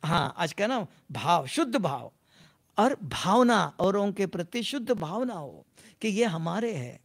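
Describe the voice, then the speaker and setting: Spiritual teacher, devotional class talk, middle pitch with a gravelly edge, repetitive and questioning. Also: very animated, unhurried. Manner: repetitive, keeps asking the listeners questions.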